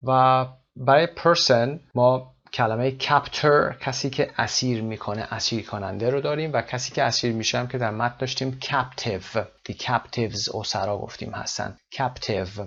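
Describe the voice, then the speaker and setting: A man explains an English lesson at an easy, steady pitch. His voice has a gravelly, creaky edge, and the recording sounds dull and lo-fi. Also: hardly any pauses. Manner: mixes English terms into explanations, with fillers. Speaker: English teacher.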